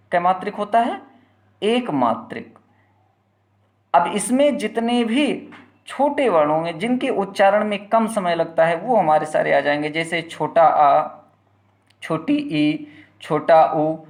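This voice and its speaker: Man giving a class lecture, a touch high-pitched, drawn-out sound demonstrations. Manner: asks the class questions and answers them himself; stretches words out slowly when demonstrating sounds. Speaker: teacher.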